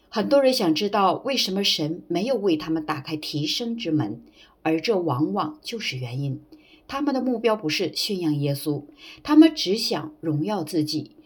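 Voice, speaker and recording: A woman with a low, husky voice preaches a sermon. Her pitch swings widely as she makes each point. She speaks earnestly and cites scripture references as she goes.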